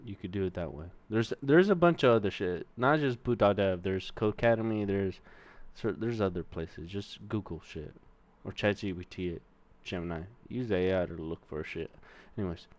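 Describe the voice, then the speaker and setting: Working through coding exercises on a stream, this young Mexican-American-accented man curses freely and rambles, talking himself through it as he types. His voice is low, at a normal pace with few pauses.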